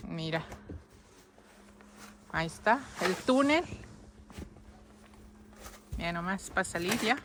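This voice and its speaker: A woman's voice: fairly low pitch, animated, slow pace, pauses often. Female vlogger, casual walkthrough on a phone outdoors, faint noise. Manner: chatty, addresses viewers constantly. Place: outdoors in deep snow.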